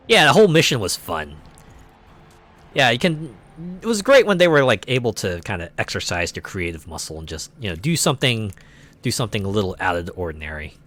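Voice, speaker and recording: A man streaming a racing game, chatting casually and rambling through animated stories, now and then slipping into quick put-on voices for quotes. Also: fairly low pitch. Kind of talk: casual chat while gaming.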